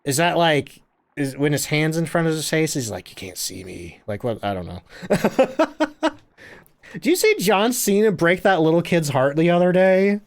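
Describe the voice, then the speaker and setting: A man's voice: on the high side, very animated, a little slow. A man streaming a game live, chatting, reading viewer comments aloud and laughing often.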